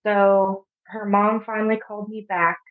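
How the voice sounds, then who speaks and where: Young woman, 20s, from Arizona, soft halting storyteller, narrow phone-like audio. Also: mid-range voice, little pitch movement. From Arizona, USA. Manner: soft, halting, with frequent pauses. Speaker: podcast guest. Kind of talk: personal storytelling.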